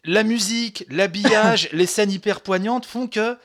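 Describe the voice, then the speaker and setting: A man co-hosting a podcast, chatting in a halting way with many restarts and fillers. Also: sits high, a bit bright. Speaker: podcast co-host. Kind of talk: casual chat about retro games.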